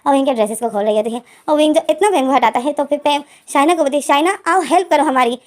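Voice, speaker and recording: A woman's voice: high voice, rapid-fire, darkish tone. A woman casually retelling a fan story, linking every line with plain narration. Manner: plain retelling, frequent "so she says" links. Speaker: fanfiction storyteller.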